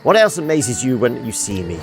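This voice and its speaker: A man's voice: medium pitch, big pitch swings, brisk. A man reading game dialogue aloud as a witty, vain woman who fishes for compliments in a self-satisfied, teasing way. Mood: smug, teasing. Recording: music behind the voice.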